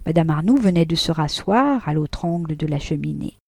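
A woman reading a classic novel aloud, measured and subdued in the narration. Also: low voice, animated, darkish tone, dry recording.

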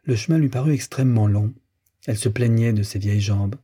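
A man reading a classic novel aloud as an audiobook narrator, in a measured, even manner. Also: on the low side, breathy edge. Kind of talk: scripted literary narration.

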